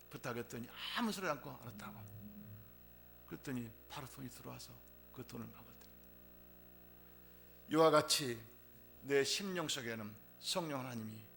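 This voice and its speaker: A middle-aged man preaching to his congregation, weaving a personal testimony into the sermon. His voice sits at an ordinary pitch and swells into emphatic fervor at key points. A faint hum runs under the recording. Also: gravelly, a bit bright. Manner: storytelling, rising to emphatic fervor. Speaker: pastor.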